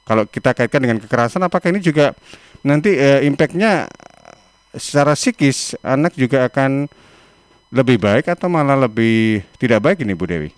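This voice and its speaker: A man hosting a radio talk show, asking long, measured questions from the studio. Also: mid-range voice, lively intonation, clean tone, no room sound. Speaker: radio host.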